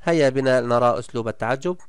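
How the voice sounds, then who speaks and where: A man with a clean, medium-pitched voice teaches a primary school class in a recorded lesson, frequently praising and encouraging his pupils. Example words are drawn out slowly, and the recording is dry and studio quality.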